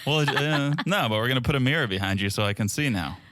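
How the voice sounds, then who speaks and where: A man from Connecticut co-hosting a podcast in casual chat, playful and animated, laughing often. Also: mid-range voice, fast, no echo, studio quality. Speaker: podcast co-host.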